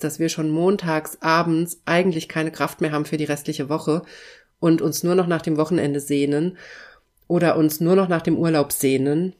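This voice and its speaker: A woman hosting her own podcast as a coach, talking straight to the listener in an earnest, list-heavy monologue. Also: low-pitched. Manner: addresses the listener directly, earnest, stacks lists of adjectives. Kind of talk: scripted solo podcast monologue.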